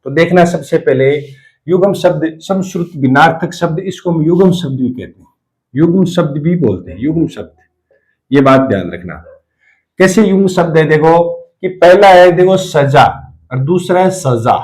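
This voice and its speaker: A man's voice: on the high side, lively intonation, normal speed, a little mellow, low-quality recording. A middle-aged man teaching a Hindi grammar class, explaining and repeating key words as he goes. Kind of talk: classroom lecture on word pairs.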